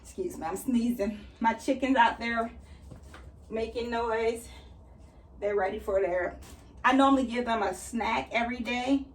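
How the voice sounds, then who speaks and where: A woman's voice: a little high, fairly even intonation, a little slow, long pauses. Chatty woman, slightly distant mic. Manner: chatty, explains each step as she works. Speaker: gardening vlogger. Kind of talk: casual how-to chat while working.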